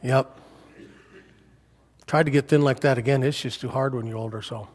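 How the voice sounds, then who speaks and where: An American missionary in his sixties gives a church congregation a folksy, joking talk about missions in the sanctuary, with hall reverb around him. His mid-range voice has a darkish tone, fairly even intonation, and a moderate pace.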